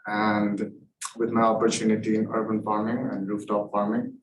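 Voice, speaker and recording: A young man from Nepal, an election candidate answering hustings questions haltingly, searching for words. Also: on the low side, level tone. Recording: echoey room from far off, background noise.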